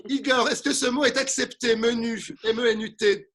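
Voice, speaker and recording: A man's voice: very high-pitched, fairly even intonation, normal speed, fairly bright tone. A man hosting a parody word game over a video call from home, fussy and forever calling players who have dropped out. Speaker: game show host.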